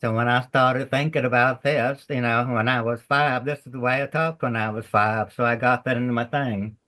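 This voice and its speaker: A man's voice: mid-range voice, steady tone, normal speed, bright, forceful tone. A man with a Southern US accent, a playwright chatting in an interview, rambling in a folksy way as he tells stories. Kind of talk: casual interview chat.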